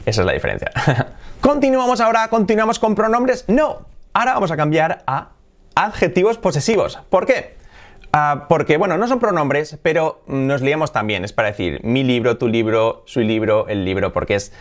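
A man with a Spain Spanish accent teaching a recorded lesson, explaining step by step and repeating and spelling words out slowly. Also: medium pitch. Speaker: English teacher.

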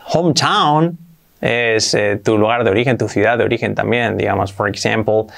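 A man from Spain with a Spanish accent, teaching English words in a casual lesson, repeating example phrases slowly and acting out little dialogues. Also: on the low side, gravelly, fairly bright tone.

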